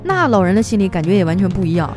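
Over music, a radio host with a mid-range female voice delivers listener jokes at rapid-fire speed, her pitch swinging dramatically. She's chatty and playful throughout, imitating the voices of the people in each joke.

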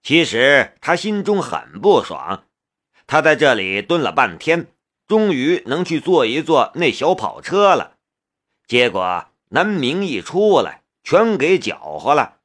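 A man narrating an audiobook with expressive storytelling. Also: mid-range voice, slow.

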